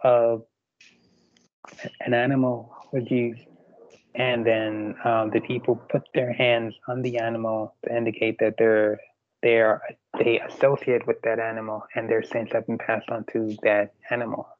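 A man with an Irish accent, a podcast guest speaking haltingly with many fillers in a casual theological discussion over an internet call. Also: mid-range voice, little pitch movement. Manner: halting, frequent fillers and restarts. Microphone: video call. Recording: tinny internet call line.

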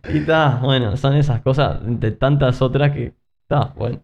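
A gravelly, medium-pitched Uruguayan man with a Uruguayan Spanish accent, a former gymnast appearing as a guest, tells stories in a casual interview, speaking a little slowly. He's a lively storyteller who acts out quotes in animated anecdotes and uses lots of fillers. The podcast audio is muffled and lo-fi.

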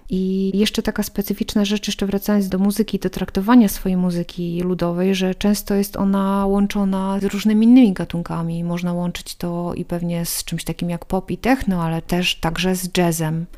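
A woman's voice: medium pitch, little pitch movement, normal speed, few pauses, mellow. Woman guest going on eagerly, lots of detail, chatty explaining. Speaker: guest expert on Estonian culture. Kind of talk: conversational explaining.

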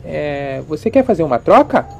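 A woman's voice: sits low, very animated, moderate pace, gravelly, slight background noise, full character voice. A woman voicing an eerie, pleading child. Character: child-like voice outside, plaintive and eerie.

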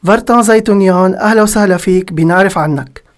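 This man hosts an interview in a Lebanese Levantine Arabic accent. His voice sits high for a man. He speaks extremely fast, in an informal, conversational way. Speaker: interview host. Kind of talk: casual interview questioning.

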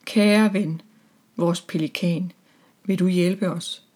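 A woman's voice: lowish voice, steady tone, darkish tone, lightly acted. Woman doing an earnest Easter hare. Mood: pleading.

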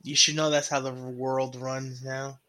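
A man's voice: medium pitch, flat delivery, unhurried, pushed and bright. A man in his thirties, a podcast guest who talks bluntly and swears freely. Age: 30s. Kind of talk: casual podcast chat.

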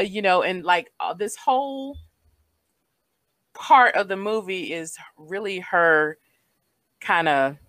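A woman's voice: lowish voice, fairly bright tone, no room sound. A woman co-hosting a podcast, chatting casually about a movie, laughing often and using lots of fillers. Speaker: podcast co-host. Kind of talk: casual movie discussion chat.

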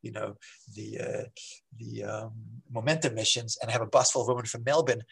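A man, a rabbi, explaining history in a relaxed, digressive way, with many fillers and restarts. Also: fairly low pitch, fairly quick, vocal fry, slightly rough.

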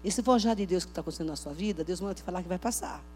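A woman preaching a Pentecostal sermon at a church service, emphatic, swinging between loud outbursts and hushed talk. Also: fairly low pitch, rapid-fire, a little hiss or hum.

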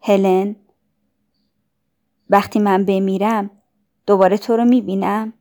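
A woman's voice: medium pitch, little pitch movement, mellow, natural voice. A woman voicing a young girl who urgently pleads with her dying friend, in a raised voice. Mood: pleading.

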